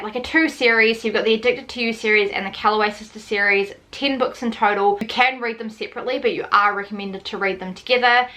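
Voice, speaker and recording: A woman's voice: medium pitch, pushed and bright. A young woman chatting casually about books she has read, filling her talk with "like". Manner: chatty, uses "like" a lot. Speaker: book vlogger. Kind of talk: casual book review chat.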